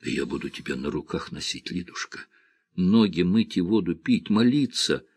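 An earnest village electrician pleading his love, read by a man in his own voice. The delivery is sincere and low-pitched. The recording is dry and close. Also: lively intonation, moderate pace, a little mellow, slightly rough, no echo, exaggerated voice.

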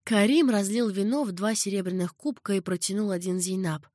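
A woman narrating an audiobook novel in a calm, measured reading voice. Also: medium pitch, no room sound, clean studio sound. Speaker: audiobook reader. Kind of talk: scripted narration.

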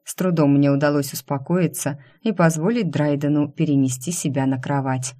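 Low, dark-voiced woman narrating fiction. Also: moderate pace. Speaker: audiobook narrator. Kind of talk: first-person fiction narration.

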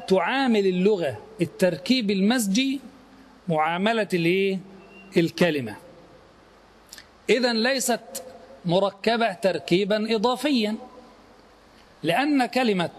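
A middle-aged man gives a grammar lesson in a fairly high voice. He asks the class questions and answers them himself, slowly repeating each key term until it sinks in. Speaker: religious grammar teacher.

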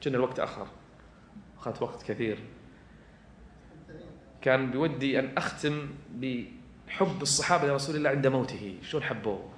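A man preaching with a Kuwaiti accent, moving from quiet asides to loud, fervent exhortation. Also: medium pitch, brisk, pauses often, slight background noise. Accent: Kuwaiti Arabic. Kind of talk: religious lecture to an audience. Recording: echoey room.

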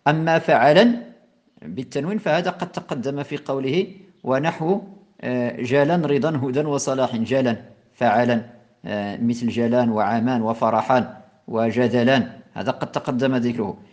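A man giving a lesson on verb forms in classical grammar. He recites each verse, then explains it slowly and patiently. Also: medium pitch, a little mellow, lo-fi sound. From Morocco. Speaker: teacher of Arabic grammar. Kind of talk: lecture explaining a classical poem.

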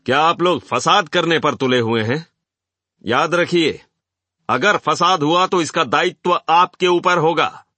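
A man voicing an earnest male reformer who makes a forceful appeal to a hostile hall in an audiobook. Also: medium pitch, very animated, moderate pace, pitched above the performer's own voice.

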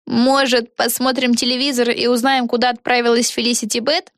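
A woman's voice: on the high side, little pitch movement, a little fast, fairly bright tone, dry recording, studio quality, voice pushed up. A woman voicing a brash, impatient young girl in a storybook, speaking bluntly and hurriedly in a raised voice.

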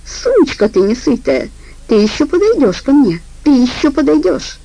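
A woman's voice: high voice, big pitch swings, moderate pace, gravelly, mellow, dry recording, pitched above the performer's own voice, heavily acted, poor audio. A woman voicing a brutish male guard who wheezes through a stuffed nose, in an audiobook. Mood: sneering. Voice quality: wheezy, nasal.

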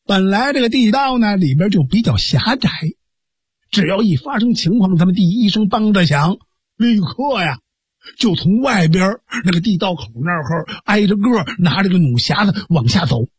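Husky, animated male storyteller. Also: high voice, normal speed, dry recording, studio quality. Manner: lively, dramatic narration with sound effects. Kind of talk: traditional Chinese pingshu storytelling.

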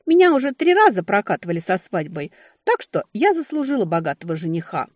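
A woman's voice: medium pitch, very animated, a little fast, no echo, clean studio sound. A woman doing a sulky naive younger sister. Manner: whiny, snorting with offense.

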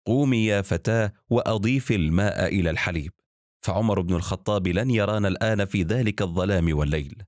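A man's voice: on the low side, fast talker, a little mellow, dry recording, clean studio sound, close to an everyday voice. A man voicing an irritable, stubborn mother who gives curt commands. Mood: irritated.

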